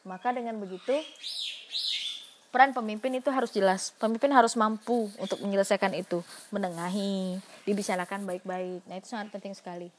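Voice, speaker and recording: A woman's voice: mid-range voice, fairly even intonation, a little fast. A woman giving a university lecture in an explanatory way, asking herself questions and answering them, with frequent fillers.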